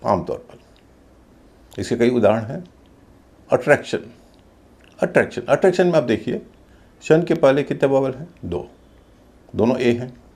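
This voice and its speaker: Gravelly, lively man teaching pronunciation. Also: mid-range voice. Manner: explanatory, stresses example words. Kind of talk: explaining a lesson to camera.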